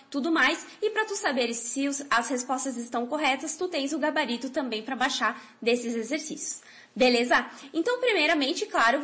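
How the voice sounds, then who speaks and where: A woman's voice: high voice, a bit bright. A woman teaching an online Spanish lesson in a chatty, encouraging way, often checking in with tag questions.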